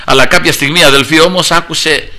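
A man delivers an impassioned sermon in a high, very bright and cutting voice. He moves between quiet, intimate asides and loud, shouted praise. Throughout, he keeps calling his congregation "brothers" as a refrain. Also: fairly even intonation. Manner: repeats "brothers" and "thank God" as refrains. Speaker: preacher. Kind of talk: Pentecostal-style sermon.

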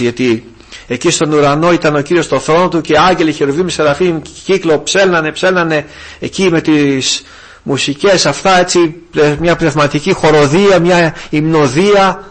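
An older man preaching a sermon with fervor, calling his listeners brothers. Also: a little high. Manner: fervent, addresses listeners as brothers.

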